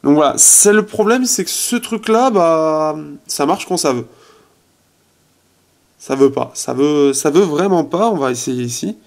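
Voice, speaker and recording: In his apartment's resonant room, a tech reviewer with a slightly high, a little mellow voice talks animatedly at a measured pace. His phone review is casual and chatty, full of fillers, and he trails off while testing features.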